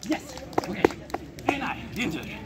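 A woman playfully leading a game outdoors, calling out loudly to a cheering audience. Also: medium pitch. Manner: animated, calls out loudly to the audience. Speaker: game leader. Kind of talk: playful game hosting for a crowd. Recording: loud crowd and street noise.

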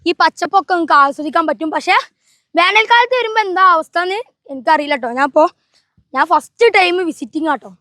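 High-pitched woman vlogger mixing in English. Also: expressive, fast talker, bright, forceful tone, no echo, clean studio sound. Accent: Malabar Malayalam, northern Kerala. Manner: mixes English words into Malayalam. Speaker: travel vlogger. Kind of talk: casual vlog chat to viewers.

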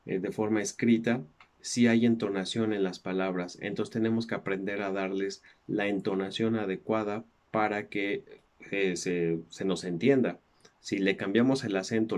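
A man's voice: lowish voice, a little mellow. A man with a Mexican Spanish accent, a native Spanish speaker, patiently explaining English textbook exercises with fillers like "este" and "ajá". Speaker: English teacher.

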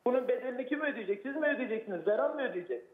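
A man's voice: extremely high pitch, expressive, very fast, echoey room, phone-quality sound. A man, the guest's older brother, arguing indignantly on a talk show. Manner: indignant, argumentative. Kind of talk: heated talk-show argument.

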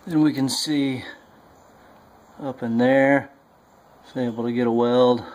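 A man narrating his welding work on a car in a casual workshop vlog, halting with many fillers, on a handheld camera mic. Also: medium pitch, fairly even intonation, a little mellow, slight background noise, rough recording. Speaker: home car builder. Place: garage workshop, indoors.

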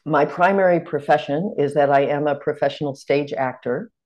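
This middle-aged woman from the United States, with an American accent, leads a teaching workshop by video call from home. She has a low voice with a somewhat dark tone, and her pacing is measured and inviting, like someone giving an online lecture.

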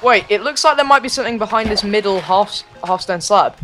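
A man's voice: high voice, animated, a little fast, music in the background. A young man making casual, playful conversation as a co-op partner in a video game. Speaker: co-op gaming partner. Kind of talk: casual game chat commentary.

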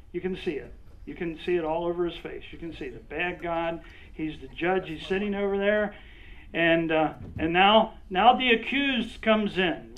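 A male pastor preaching a conversational sermon, drawing on listeners by name and checking in with frequent "right?". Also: high voice. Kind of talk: sermon with acted-out role-play. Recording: dull lo-fi recording.

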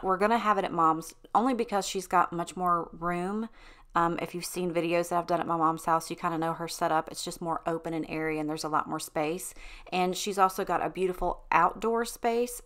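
A woman talks in a loose, rambling way, full of ums, likes and restarts. Her voice sits a little low for a woman, and she chats as if to a friend over her cleaning footage. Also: fairly bright tone. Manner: chatty, rambling, self-interrupting with ums and likes. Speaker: cleaning vlogger.

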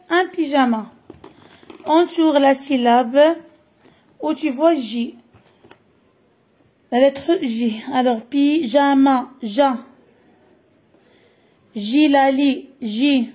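A woman teacher with a Moroccan accent and Moroccan Arabic as her first language, slowly reading out French words for children, repeating each one carefully. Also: high voice, a little mellow. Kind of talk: French phonics lesson for children.

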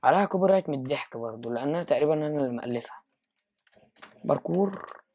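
A man with an Egyptian accent giving live gameplay commentary, excitable, jumping to loud high exclamations and mixing in English phrases. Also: racing. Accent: Egyptian Arabic. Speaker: gaming YouTuber.

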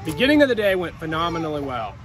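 A man's voice: fairly high pitch, sing-song, fast. A man in his thirties, a farmer, chatting casually in a matter-of-fact, joking way. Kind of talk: casual chat. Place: outdoors in a field. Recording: noisy outdoor phone audio.

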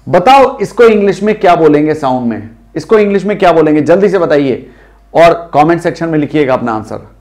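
A man with an Indian accent teaching a spoken English lesson, drilling words aloud and quizzing his viewers. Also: high-pitched.

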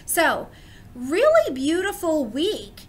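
An American woman in her thirties giving a casual, chatty horoscope reading, expressive, emphatic and encouraging, recorded indoors close to the camera. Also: slow pace. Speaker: astrologer giving a weekly horoscope. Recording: faint background noise with low rumble.

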